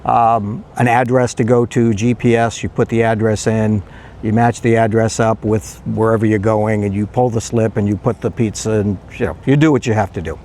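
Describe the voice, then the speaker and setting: A man's voice: fairly low pitch, flat delivery, normal speed, darkish tone, a little hiss or hum. An older man telling a rambling, self-deprecating story in a casual vlog. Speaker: retiree vlogger and pizza delivery driver.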